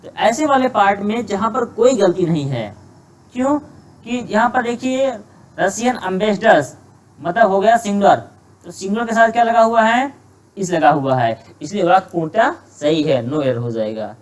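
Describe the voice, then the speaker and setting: A man teaching an exam-prep English grammar lesson. He reads English sentences slowly word by word, then explains them in Hindi, often posing rhetorical questions to himself. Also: sits high, expressive, low-quality recording.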